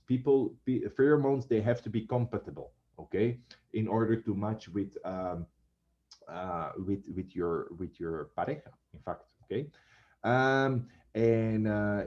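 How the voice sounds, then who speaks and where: Chatty teacher guy, lowish voice, muffled lo-fi sound. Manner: chatty, addresses students as guys. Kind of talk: classroom lecture.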